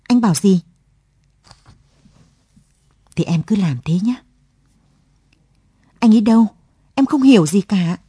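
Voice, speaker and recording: A woman reading the part of a young mother in a radio story, bewildered and tearful, her husky voice rising higher than her narration. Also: lively intonation, moderate pace, dark tone, no echo. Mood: anxious.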